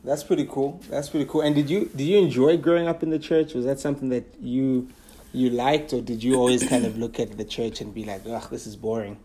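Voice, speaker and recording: Mellow-voiced man hosting a podcast. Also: mid-range voice. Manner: relaxed, halting with frequent "uh". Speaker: podcast host. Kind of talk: casual interview.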